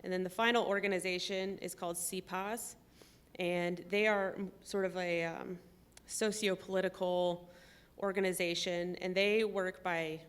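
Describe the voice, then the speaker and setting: A woman talks through the details in a measured, orderly way, pausing on frequent "um"s as she goes. Her voice sits fairly low and stays quite flat in pitch. The tone is smooth and clean. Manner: measured, explains step by step with frequent ums. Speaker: trip participant. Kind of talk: conversational explanation.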